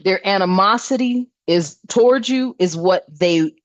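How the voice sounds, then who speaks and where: A woman gives a casual spiritual tarot reading, speaking bluntly and emphatically and swearing often. Her medium-pitched voice moves a little slowly, captured in a dull, dry lo-fi recording with no echo.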